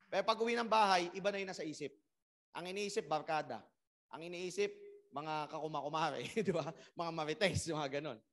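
A young man from the Philippines giving a motivational business orientation to a crowd, firing rhetorical questions and pushing his voice up loud to drive points home. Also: on the high side, fairly quick. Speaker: network marketing trainer.

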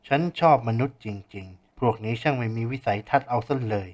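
A man's voice: medium pitch, a little fast, natural voice. A man voicing a grumpy, scornful camp director who talks down to a boy in an audiobook story. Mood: mocking. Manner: sneering, impatient, loud outbursts.

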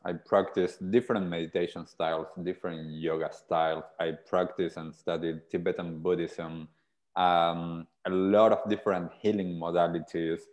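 A man's voice: sits low, flat delivery, moderate pace, a little mellow, muffled recording. A man in his thirties from Argentina, a podcast guest telling his story in an earnest, reflective way over a video call with earphones. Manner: earnest, reflective, gestures while talking. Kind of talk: casual interview storytelling. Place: small indoor room. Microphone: earphone headset on a video call.

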